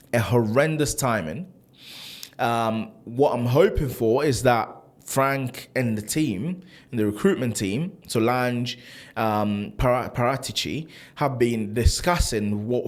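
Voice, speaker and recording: A young man from Italy talks straight to camera about his football club in a casual, heated rant. He stumbles and restarts, fires off rhetorical questions, and his voice sits at an ordinary mid pitch. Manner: animated, frustrated, lots of restarts and rhetorical questions. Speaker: football fan vlogger.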